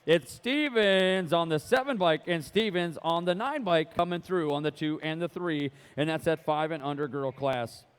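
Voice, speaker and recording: Man, sports announcer, live race commentary, high pitch, clear smooth voice, folksy slangy patter. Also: moderate pace, hardly any pauses.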